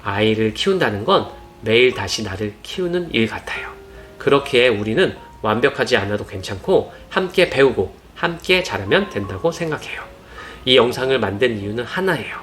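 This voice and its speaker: Male narrator, mid pitch, earnest gentle advice read over faint music. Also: sing-song, moderate pace. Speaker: parenting channel narrator. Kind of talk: scripted narration. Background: soft background music.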